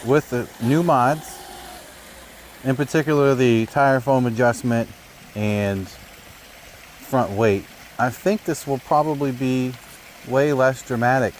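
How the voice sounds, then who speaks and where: A man talks casually through his hobby vlog outdoors, explaining each move in a mid-pitched voice. The audio is low quality, picked up by the built-in mic of a camera hanging from his neck, with faint noise underneath. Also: fairly even intonation, takes it slowly, long pauses, low-quality recording. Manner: chatty, explains as he drives. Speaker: RC crawler hobbyist. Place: outdoors on a rocky trail. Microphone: neck-mounted camera.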